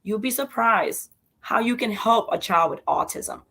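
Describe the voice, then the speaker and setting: Mom talking earnestly in an interview, emphatic, repeats words a lot. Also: female voice, a little high, unhurried, vocal fry, bright, forceful tone. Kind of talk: interview conversation.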